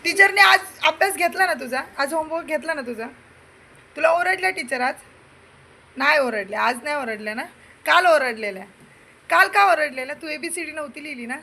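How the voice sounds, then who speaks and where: A woman's voice: high voice, expressive, brisk, sharp tone, rough recording. A young mother at home, filming on a phone as she playfully coaxes and questions her small daughter. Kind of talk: casual home chat with a child. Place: home indoors.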